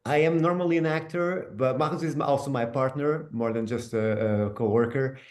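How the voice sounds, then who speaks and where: A man's voice: medium pitch, normal speed, a little mellow, echoey room. A man, an actor who helped produce the film, speaks earnestly at a Q&A. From Portugal. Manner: earnest and heartfelt. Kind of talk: Q&A panel answer.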